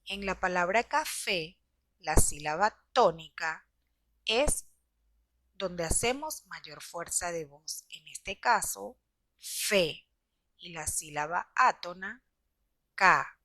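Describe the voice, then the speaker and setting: A woman teacher reading a scripted lesson for schoolchildren, explaining slowly and deliberately. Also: on the low side, lively intonation, fairly bright tone, dry recording. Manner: slow, deliberate explaining to children.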